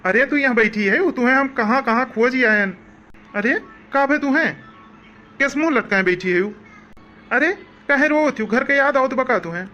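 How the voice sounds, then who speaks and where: A man's voice: very high voice, normal speed, long pauses, bright, forceful tone, dull audio, faint music behind. A man playing an easygoing young husband who coaxes and soothes in an in a comedy skit. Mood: coaxing.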